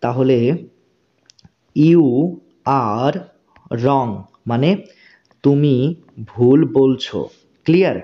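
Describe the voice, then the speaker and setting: Teaching spoken English, this medium-pitched man goes slowly and patiently, with the high frequencies cut off in the recording. Every word gets repeated, and he frequently makes sure the learner has followed.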